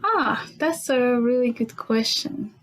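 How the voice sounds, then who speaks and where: A young native Portuguese speaker from Portugal chats casually as a podcast guest, thoughtful and full of fillers and restarts. Her voice is on the high side and animated, and she takes things slowly in this relaxed interview.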